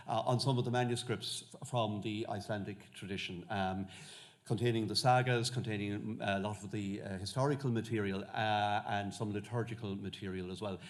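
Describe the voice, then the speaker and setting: A man with a West of Ireland accent giving an informal history lecture, pausing often with ums and uhs. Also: lowish voice. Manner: halting, frequent um and uh pauses. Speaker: guest lecturer, Benedictine monk.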